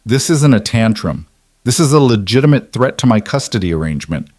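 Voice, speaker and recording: A man's voice: medium pitch, very animated, fairly quick, darkish tone, dry recording, clean studio sound. A man reading a worried single dad. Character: tense, worried single father. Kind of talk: scripted audiobook narration.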